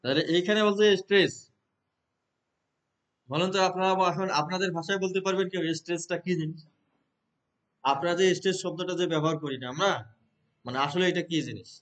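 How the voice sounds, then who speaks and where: A Bangladeshi man teaching a class of trainee teachers, explaining terms, reading English definitions slowly and asking the room questions. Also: high voice, fairly bright tone. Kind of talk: classroom lecture.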